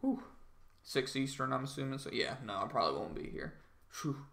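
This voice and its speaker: A young man's groggy, medium-pitched voice comes across expressive, fairly quick, creaky and fairly bright as he chats with trading livestream viewers. Rambling freely, he says "like" and "um" constantly.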